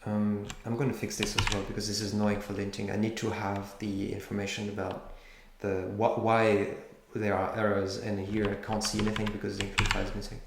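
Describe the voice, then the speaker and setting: A man's voice: on the low side, little pitch movement, brisk, creaky, few pauses. A man teaching programming, thinking aloud and correcting himself as he types code in a live tutorial. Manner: thinks aloud while typing, self-correcting. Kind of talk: live-coding tutorial narration. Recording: echoey room with loud keyboard noise. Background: keyboard typing and clicks.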